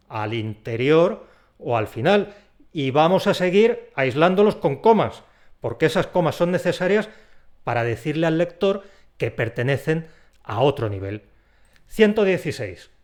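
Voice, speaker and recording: Man explaining grammar, slightly high voice. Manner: clear, deliberate explanatory delivery, acts out intonation of example sentences. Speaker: Spanish grammar teacher. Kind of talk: recorded video lesson.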